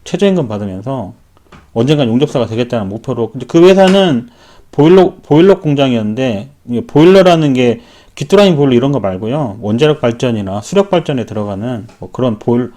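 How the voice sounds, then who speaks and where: A man recounting his days as a struggling welder in an unhurried, personal way. His voice is dark and mellow at an everyday pitch, and he wanders and backtracks, restarting words as he goes. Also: animated. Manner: rambling, frequent self-corrections. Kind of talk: personal storytelling.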